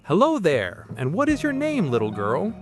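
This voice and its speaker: A man voicing a grimy, creepy old male mall Santa with a raspy smoker's voice and slow, drawn-out greetings. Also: fairly high pitch, huge pitch swings, faint music behind, voice pushed up. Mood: sly.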